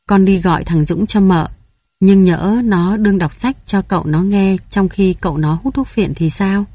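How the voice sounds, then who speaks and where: A woman's voice: mid-range voice, moderate pace, mellow, no room sound, natural voice. A woman voicing an earnest small boy who asks questions, in her own reading voice.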